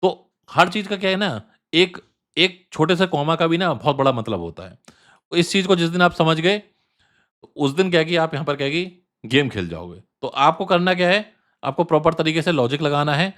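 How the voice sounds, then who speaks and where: Slightly high-voiced man teaching crypto charts. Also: lively intonation, moderate pace, a bit bright. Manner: conversational, repeats phrases for emphasis, many fillers. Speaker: crypto trading channel host. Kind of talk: casual chart analysis tutorial.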